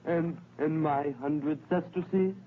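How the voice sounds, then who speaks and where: An actor playing a wheedling, money-minded Roman informant in a dubbed historical film. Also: male voice, fairly high pitch, fairly even intonation, slow pace, noisy background. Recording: tinny narrow-band old film soundtrack, music. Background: music.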